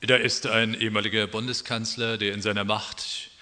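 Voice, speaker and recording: Prediger mit hellem Klang im Hall. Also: male voice, on the low side, little pitch movement, moderate pace, pushed and bright. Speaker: preacher. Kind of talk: sermon.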